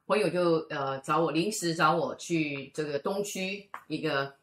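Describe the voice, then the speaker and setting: A middle-aged woman tells a story in a casual chat and briskly acts out the people in it. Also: sits low. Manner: lively, acts out the voices of people in her stories. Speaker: fortune teller and show co-host. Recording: echoey room.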